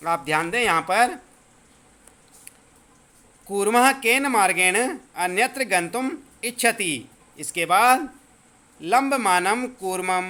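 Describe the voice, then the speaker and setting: A male teacher explaining a school lesson to children, patiently repeating words slowly so they learn the pronunciation. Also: high-pitched, bright, forceful tone, smooth.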